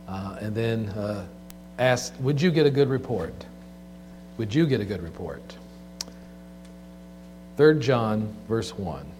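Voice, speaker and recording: A man delivers a sermon at a pulpit microphone in a medium-pitched voice. His delivery is deliberate and measured, with pauses between phrases. A clear electrical hum runs under the recording. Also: darkish tone. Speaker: pastor preaching to a congregation. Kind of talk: sermon with scripture reading and prayer. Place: church service, speaking from the pulpit. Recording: clear background mains hum.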